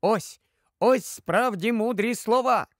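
A man voicing a steady, loyal male woodland creature who speaks firmly and decisively, in an audiobook. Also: high-pitched, a little slow, no echo, clean studio sound, exaggerated voice. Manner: firm, decisive.

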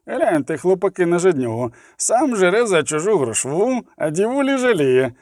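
A man's voice: high-pitched, very animated, normal speed, darkish tone, dry recording, studio quality, voice pushed up. A man reading aloud and voicing a coarse, rowdy male mercenary who jeers at his comrades. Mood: jeering. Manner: rowdy, jeering.

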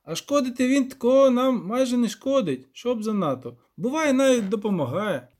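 A man voicing a gruff, hesitant peasant village elder who rambles in folksy country speech. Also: very high-pitched, sing-song, normal speed, darkish tone, pitched above the performer's own voice, heavily acted. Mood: rambling.

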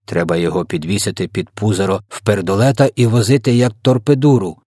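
BFG, a gentle giant, as a man puts him on. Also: deep voice, slightly rough, no echo, studio quality. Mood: good-natured. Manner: slow, muddled, garbled speech. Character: kindly huge old male giant, mangles words. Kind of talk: storybook character voice.

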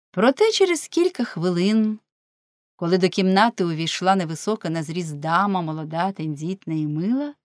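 A woman with a fairly low voice narrates a novel in a measured, expressive way. The recording is close and dry, with no room sound at all. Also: dry recording. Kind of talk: audiobook narration.

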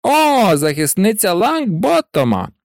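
A man's voice: high voice, big pitch swings, a little slow, vocal fry, no echo, studio quality, voice pushed up, full character voice. A man voicing a spiteful, cold schoolgirl in a storybook reading, jeering.

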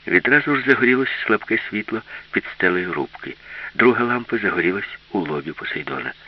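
A man narrating a children's science-fiction story in a steady, even storytelling manner, in a dull lo-fi recording. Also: fairly low pitch, a little fast. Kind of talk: storybook reading.

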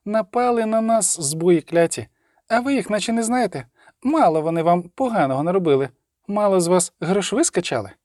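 A man voicing a brash, sharp-tongued young woman thief in an audiobook reading. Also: high voice, brisk, no room sound, studio quality, voice pushed up, lightly acted. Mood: scolding. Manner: cheeky and scolding.

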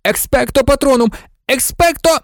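A man voicing a brave, stubborn teenage boy wizard in a high, strained, urgent voice in an audiobook. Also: moderate pace, dry recording, clean studio sound. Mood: shouting.

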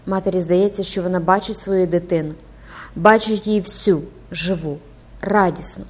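A woman narrating a classic novel as an audiobook in an expressive, dramatic way. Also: lowish voice, normal speed, breathy edge. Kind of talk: scripted narration.

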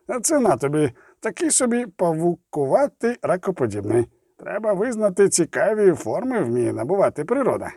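A gruff, sardonic dwarf who mocks and swears, his voice pitched high and leaping around, as a male reader puts him on. The tone stays mellow and dark. It is heard dry and close, as in a booth. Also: big pitch swings, moderate pace, no echo, exaggerated voice. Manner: mocking, swears freely. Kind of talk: audiobook reading.

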